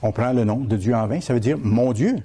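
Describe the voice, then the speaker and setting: A male pastor delivers a teaching sermon. His voice sits at an ordinary pitch with a warm, mellow tone. He repeats key words and keeps putting questions to his listeners. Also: fairly quick, slightly rough.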